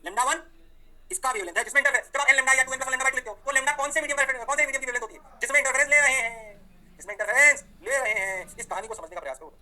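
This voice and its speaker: Man, physics lecture, rapid delivery, quick-fire questions, very bright tone. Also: extremely high pitch. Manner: energetic, asks questions and answers them himself, voices the students' replies. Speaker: physics teacher. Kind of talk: lively classroom lecture.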